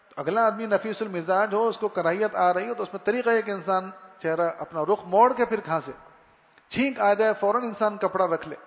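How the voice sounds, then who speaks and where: A high-pitched male preacher delivers a sermon on manners in an easy, storytelling way, acting out small sounds to make his point. His voice rings with a long reverb, as in a large hall, and the recording sounds muffled and dull. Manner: conversational storytelling, imitates sounds. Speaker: Islamic preacher.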